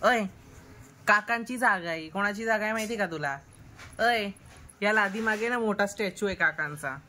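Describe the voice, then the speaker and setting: A woman's voice: medium pitch, normal speed, bright, forceful tone, a little hiss or hum. A woman home vlogger chatting casually, teasing and cooing at a toddler in playful baby talk.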